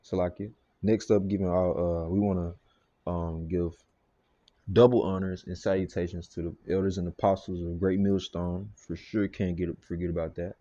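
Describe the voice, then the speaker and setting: A man's voice: low voice, flat delivery, moderate pace, warm tone. Rambling man, dull lo-fi recording. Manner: loose, rambling, many fillers. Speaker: teacher giving a scripture lesson. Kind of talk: casual recorded scripture lesson. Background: freezer motor hum.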